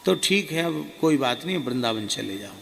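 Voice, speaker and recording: Old guru, gravelly and emphatic, gently scolding, as a monk puts him on in his story; reverberant hall. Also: mid-range voice, lively intonation, normal speed. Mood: reassuring. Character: elderly male guru, kindly but firmly chiding. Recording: reverberant hall, faint ambient noise.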